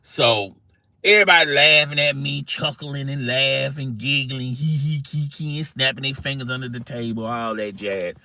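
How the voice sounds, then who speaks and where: A young man telling a story in casual slang, animated and talking straight to his listeners. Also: medium pitch, moderate pace, no echo, studio quality.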